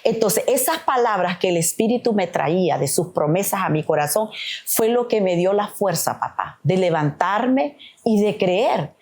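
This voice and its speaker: A woman's voice: medium pitch, animated, normal speed, a little mellow. A middle-aged woman, a podcast guest, giving an earnest, emotional testimony of faith, often calling the host "papá".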